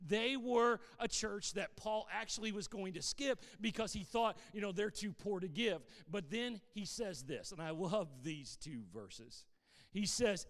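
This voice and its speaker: High-voiced animated male preacher in a hall. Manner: animated preaching, swings between shouting emphasis and quiet asides. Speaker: pastor. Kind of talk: sermon.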